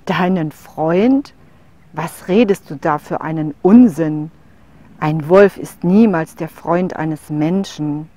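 A woman's voice: low-pitched, takes it slowly, dark tone. A woman voicing a huge young male wolf in a storybook tale, blunt and scornful, talking with a growl. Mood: gruff.

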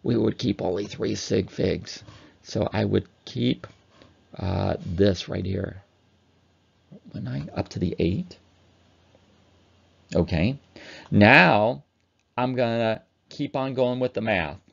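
Low, gravelly-voiced man teaching chemistry. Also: takes it slowly, pauses often. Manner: casual, chatty, talks while working calculator problems. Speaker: chemistry instructor. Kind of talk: recorded online lecture. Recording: dull lo-fi recording.

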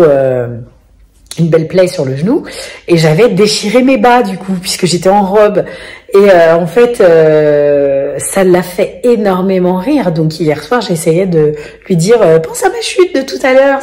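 A woman's voice: lowish voice, darkish tone. A woman telling a family story in a casual vlog, chatty and full of fillers. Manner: chatty, many fillers, acts out quoted voices. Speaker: vlogger, mother of five.

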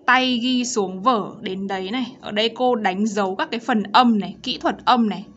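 A woman teacher with a Vietnamese accent explaining pronunciation and reading model sentences slowly and clearly. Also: mid-range voice, fairly bright tone, slight background noise. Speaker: English teacher. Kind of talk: pronunciation lesson. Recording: dull lo-fi recording.

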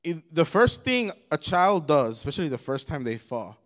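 A man's voice: on the high side, very animated, a little slow. A young adult man giving a youth sermon, switching between Spanish and English and telling stories with lots of animation. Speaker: youth pastor.

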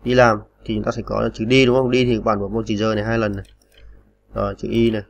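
A man's voice: lowish voice, flat delivery, fast, gravelly, muffled recording, a little hiss or hum. A man teaching typing on a computer in a patient, step-by-step way, with many small fillers. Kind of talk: screen-recorded typing tutorial.

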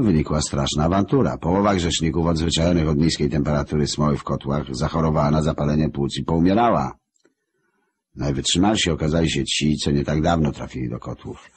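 A man narrating an audiobook in a wry storytelling manner, with a husky voice. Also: very deep voice, darkish tone.

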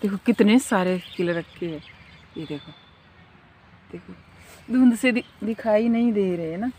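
On a foggy day, a middle-aged mother walks through a park filming a casual vlog on her phone, her mid-range voice set against slight background noise. She talks at a measured pace, telling stories in an animated way and repeatedly asking listeners to agree with her.

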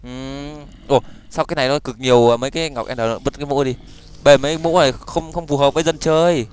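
A young man giving excitable let's-play commentary, with quick stammered repeats and sudden exclamations while he plays. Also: mid-range voice, clear, resonant tone. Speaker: gaming YouTuber.

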